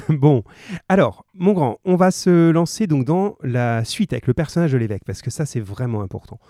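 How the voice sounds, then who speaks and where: A man runs a class live on the radio, joking with the pupils who call in and trailing off into fillers and restarts as he explains. His voice is mellow and relaxed, recorded dry and close on a studio microphone. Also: mid-range voice, moderate pace, no echo. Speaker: teacher. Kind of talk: remote class on radio, casual and encouraging.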